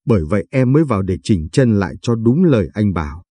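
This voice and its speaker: A man voicing a shy, polite young woman with a limp, speaking softly and timidly in a storybook reading. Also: lowish voice, very animated, fast talker, slightly rough, no echo. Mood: hurt, gentle.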